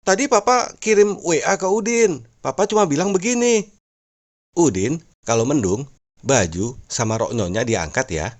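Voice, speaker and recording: A man's voice: normal speed, close to an everyday voice. A man voicing a shocked, jealous husband who squawks his questions. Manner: excited, high and loud.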